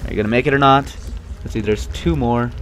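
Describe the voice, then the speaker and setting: Rambling through a let's play, a young host complains wryly about the game, a little stuffy and with a slight cough. He talks a little fast in a medium, somewhat bright voice, and there's a faint hiss or hum.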